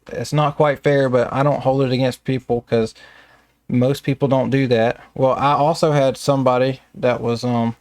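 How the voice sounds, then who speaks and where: A man's voice: medium pitch, a little mellow, no echo. A man with a Southern American accent who runs a staffing business, telling stories in a casual, plainspoken interview.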